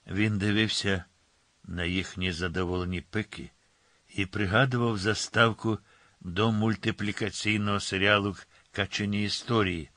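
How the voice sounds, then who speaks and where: Low-voiced male audiobook narrator. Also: a bit bright, dry recording. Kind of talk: scripted narration.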